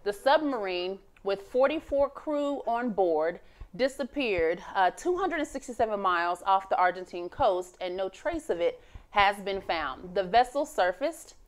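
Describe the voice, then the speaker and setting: A woman's voice: medium pitch, lively intonation, unhurried. Woman hosting a casual live news show. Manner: reads with many "uh" fillers, laughs easily.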